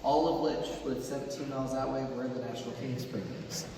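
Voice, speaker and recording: A man's voice: steady tone, fairly quick, mellow. A man working as a cave tour guide, explaining rock formations to a group with playful jokes, his voice carrying a cave echo. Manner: playful, joking, addresses the group. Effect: cave echo, booming reverb of a large cavern. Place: inside a large show cave. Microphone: phone camera held by a visitor, away from the guide. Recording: echoey cavern, voice from far off, background noise.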